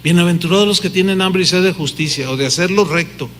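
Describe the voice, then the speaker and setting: Middle-aged male pastor, high bright voice, emphatic sermon with audience questions, church hall reverb. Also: quick pace, a little hiss or hum. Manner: emphatic preaching, rhetorical questions to the congregation.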